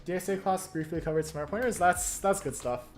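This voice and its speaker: A young adult streamer with a hoarse, croaky voice, casually thinking aloud while coding and often stopping to correct themselves. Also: mid-range voice, a little fast, soft background music. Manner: thinks aloud, self-correcting, many fillers. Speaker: streamer studying compilers. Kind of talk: casual live-coding narration.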